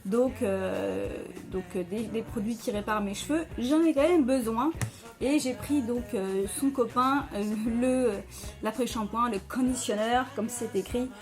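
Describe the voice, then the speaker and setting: Woman, beauty vlogger, slightly high voice, rambling and casual, lots of fillers, soft music under it. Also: unhurried. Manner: chatty, many fillers and restarts. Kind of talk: casual product review vlog.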